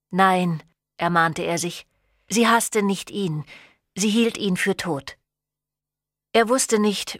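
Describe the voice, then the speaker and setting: A woman narrating an audiobook in a measured, expressive way, recorded in a studio booth. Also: mid-range voice, no echo.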